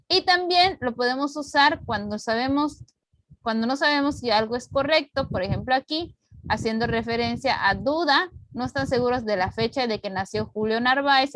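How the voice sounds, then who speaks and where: High-voiced woman teaching a recorded class. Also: a bit bright, dry recording, poor audio. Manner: clear, patient explaining with example sentences. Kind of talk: recorded online grammar lesson. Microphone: computer mic on video call recording.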